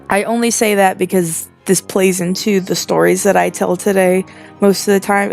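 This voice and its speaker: A young woman in her twenties chats through a casual storytime voiceover, rambling with lots of fillers and self-corrections. Her voice sits a bit low for a woman. Soft music plays quietly behind her. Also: gravelly. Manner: chatty and rambling, frequent fillers and restarts. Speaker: storytelling narrator. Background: faint background music.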